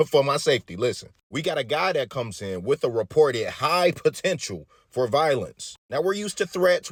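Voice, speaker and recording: Animated slangy male storyteller. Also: on the high side, no room sound, clean studio sound. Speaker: psych ward worker telling stories. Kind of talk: casual storytelling.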